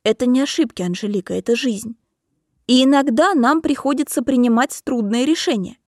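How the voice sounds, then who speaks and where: A woman's voice: fairly high pitch, a little fast, darkish tone, dry recording, studio quality, lightly acted. A woman reading the part of a stern, desperate middle-aged mother, speaking coldly and firmly in an audiobook. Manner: cold, firm, insistent.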